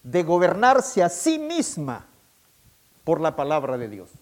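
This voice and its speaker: A male pastor delivering a sermon in a high voice that swoops up and down with great animation. He speaks slowly and deliberately and repeats each key point so it sinks in. His manner stays emphatic throughout. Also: wildly swooping pitch.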